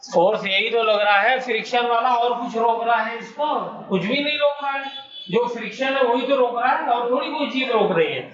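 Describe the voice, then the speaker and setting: A man's voice: very high voice, normal speed, a bit bright, a little hiss or hum. A male teacher giving a classroom physics lesson, working through problems step by step and coaxing answers from his students. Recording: dull, echoey classroom recording.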